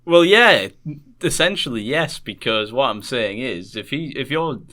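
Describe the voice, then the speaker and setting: A man's voice: medium pitch, lively intonation, measured pace, pushed and bright. A man co-hosting a casual podcast, joking around in absurd banter. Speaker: podcast co-host. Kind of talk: casual chat.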